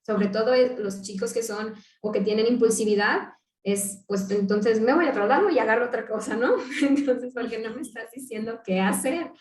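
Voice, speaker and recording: Lively woman psychologist in echoey room. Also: fairly high pitch, moderate pace, few pauses. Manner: lively, acts out parent phrases, laughs often. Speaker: psychologist guest. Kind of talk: radio interview, explaining.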